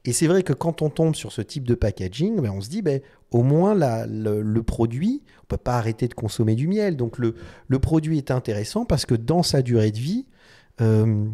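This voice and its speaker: Male vlogger talking design to camera, mellow, halting delivery with frequent restarts. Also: mid-range voice, very animated. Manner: hesitant, many fillers and restarts. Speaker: design video host. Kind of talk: casual explanatory talk to camera.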